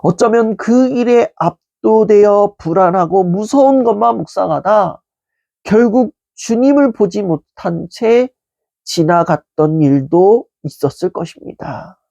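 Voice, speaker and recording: A pastor delivers a measured sermon in a warm, mellow voice with a gravelly edge. Quoted words come slower and softer. The sound is close and dry, with no room around it. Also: medium pitch, no room sound, lo-fi sound. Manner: calm, measured preaching with soft, slowed quotations. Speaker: pastor leading an online prayer meeting.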